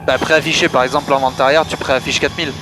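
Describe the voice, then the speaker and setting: A man's voice: mid-range voice, steady tone, very fast. A man coaching informally as a flight instructor on a pilot headset intercom, explaining things in a reassuring way. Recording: clear aircraft engine noise. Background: aircraft cockpit noise.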